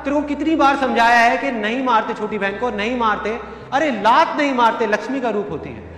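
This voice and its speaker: A man acting out an angry, tired father who scolds his son with loud rhetorical questions, in an echoing hall. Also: very high voice, animated, brisk, background noise, voice pushed up. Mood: angry scolding. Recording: reverberant hall, faint ambience.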